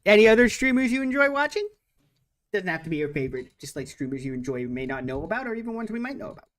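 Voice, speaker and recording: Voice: mid-range voice, sing-song, fast. A young stream host in casual chat, laughing often and asking questions.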